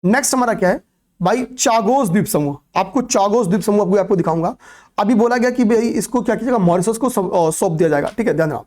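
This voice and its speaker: A man's voice: high voice, animated, fast talker, darkish tone. A young man lectures an exam-prep class in a conversational teaching voice. He circles back over each fact, asks questions and answers them himself, and keeps tossing in "okay, pay attention" to his students. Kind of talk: classroom lecture on current affairs.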